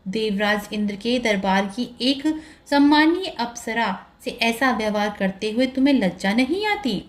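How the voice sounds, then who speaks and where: A proud, spirited young celestial dancer who says her piece plainly, as a woman storyteller puts her on. The voice is fairly high, lifted only a little above the narrator's usual tone. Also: animated, a little slow. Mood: indignant. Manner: indignant, forthright.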